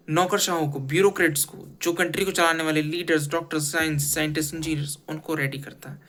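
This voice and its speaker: A man's voice: fairly high pitch, a bit bright. A man from India giving an earnest, critical opinion piece in casual talk, restarting his phrases often. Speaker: commentator.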